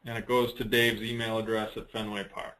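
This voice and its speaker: With a fairly low pitch and level tone, a man talks a little fast while giving an unscripted, casual software demo on a conference call, rambling slightly and thinking out loud as he goes.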